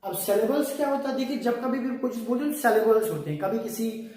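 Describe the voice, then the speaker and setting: A man's voice: extremely high pitch, lively intonation, quick pace, darkish tone, recorded from a distance. A man teaching an English grammar lesson, explaining step by step and often asking rhetorical questions while calling his students "beta". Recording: very echoey room, voice off-mic.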